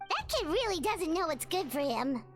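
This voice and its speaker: A woman voicing a tiny, excitable and blunt childlike fairy companion in a video game. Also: moderate pace, soft background music. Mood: curious. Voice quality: squeaky, childlike. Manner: exclamatory, refers to self in third person.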